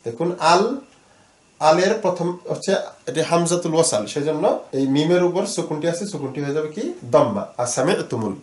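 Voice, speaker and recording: A man teaching Arabic grammar in Bengali, explaining slowly with many fillers and repeated words. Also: a little high, animated, darkish tone, reverberant.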